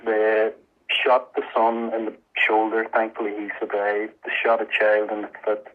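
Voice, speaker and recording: A man giving an earnest, halting, emotional personal account as a guest in a radio interview. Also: on the low side, completely flat delivery. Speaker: interview guest, activist volunteer. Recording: muffled, band-limited radio interview sound.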